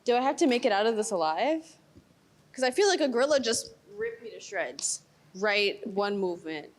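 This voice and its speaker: A woman co-hosting a podcast, playful and animated, giggling as she talks. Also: fairly high pitch, normal speed. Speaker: podcast co-host. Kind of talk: casual chat.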